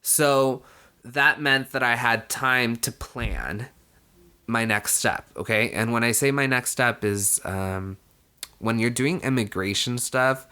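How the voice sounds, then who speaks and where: Telling his personal story straight to camera, this young Mexican-born vlogger speaks slowly at a medium pitch, his voice pushed and bright yet clean. The talk is casual and chatty, dotted with "you know" and the odd curse.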